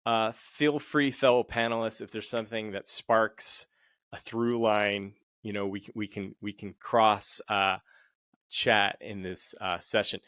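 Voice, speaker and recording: Low-voiced rambling host. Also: male voice, steady tone, measured pace, a bit bright, smooth, dry recording, studio quality. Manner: rambling, many fillers and restarts. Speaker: podcast host and sync agent. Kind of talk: casual panel interview.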